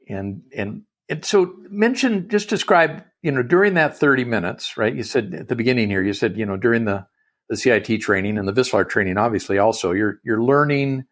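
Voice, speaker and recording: On the low side, an animated male voice hosts a casual podcast interview. He frequently restarts his sentences and affirms with "yep" and "right."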